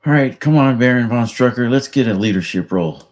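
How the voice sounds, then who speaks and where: A man's voice: mid-range voice, animated, a little fast, darkish tone. A man playing a tabletop miniatures game, calling out his moves in casual chat and joking to his pieces.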